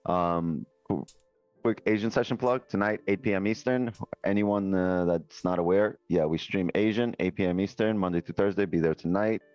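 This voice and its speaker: A man's voice: sits low, steady tone, moderate pace, a little mellow, clear, resonant tone, dry recording. A man co-hosting a livestream in informal, slangy, joking casual chat. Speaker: livestream co-host. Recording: slightly dull, lo-fi, music behind. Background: music.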